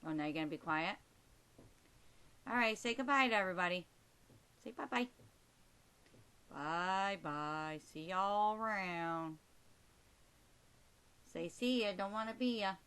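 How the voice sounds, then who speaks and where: A woman's voice: mid-range voice, animated, moderate pace, long pauses, a bit bright, clean tone. A woman chatting casually to her pet budgie, coaxing it with short repeated prompts and endearments. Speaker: pet owner filming her bird. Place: recorded while handling the camera herself.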